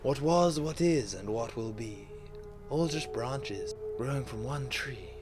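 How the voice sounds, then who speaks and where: Male actor as Death: ancient watcher, slow hushed delivery, grandiose poetic verse, mocking calm, music underneath. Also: medium pitch. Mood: grave, scornful. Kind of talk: rhymed poetic monologue.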